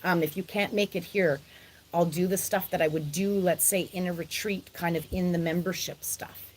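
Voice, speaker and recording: Her voice is on the low side, with fairly even intonation and normal speed, and there's slight background noise. She's a social worker and spiritual vlogger live streaming from an outdoor deck, rambling effusively and laughing often.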